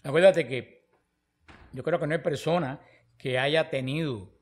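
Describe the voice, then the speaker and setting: A man's voice: fairly high pitch, measured pace. A man teaching on the Bible in a conversational talk, telling stories and acting out the dialogue. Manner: animated storytelling, acting out quoted dialogue. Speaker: preacher.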